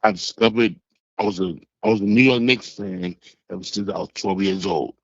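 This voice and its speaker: Caller on a phone line: man in his sixties, low voice, rambling and halting, a little muffled. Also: no room sound. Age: 60s. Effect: heard over a phone line. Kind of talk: casual phone-in storytelling.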